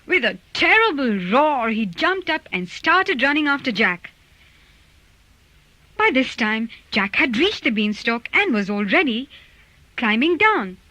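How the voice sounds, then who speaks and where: A woman reads a children's story aloud, her voice bright and clear. Her pitch leaps up and down as she tells it. The sound is close and dry, with no room echo. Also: a little slow. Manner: lively, expressive storytelling. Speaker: narrator. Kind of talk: scripted storybook narration for children.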